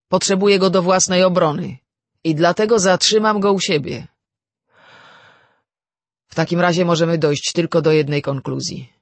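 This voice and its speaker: A man reading an audiobook, voicing a firm, defiant gentleman who talks loud and clipped. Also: high voice, no room sound, pitched above the performer's own voice. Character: cool, defiant man holding a revolver.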